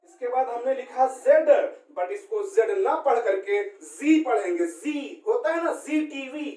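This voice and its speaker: A man's voice: extremely high pitch, animated, a little mellow. Male shorthand teacher from India, patient and repetitive, heard off-mic in a roomy space. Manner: keeps checking in with listeners, repeats key points and spells out letters slowly. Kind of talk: classroom-style explanation. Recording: roomy sound from a distant mic.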